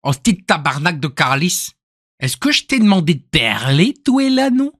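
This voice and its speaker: Guy doing a loud mock-angry québécois dude, way up high. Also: big pitch swings, moderate pace. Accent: Québécois (imitated).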